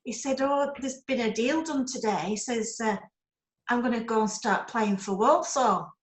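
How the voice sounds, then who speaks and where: An older woman tells a funny story from her past in a chatty, amused way. Her voice sits fairly high, and it echoes around the room on a video call. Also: moderate pace. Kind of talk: telling a personal story.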